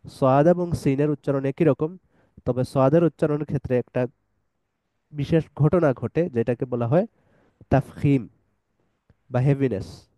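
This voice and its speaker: Male tajweed teacher, patient step-by-step explainer, mellow tone, dry close sound. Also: mid-range voice, no echo, poor audio. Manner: patient step-by-step explaining, recites verses slowly. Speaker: Quran recitation teacher. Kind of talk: online tajweed lesson.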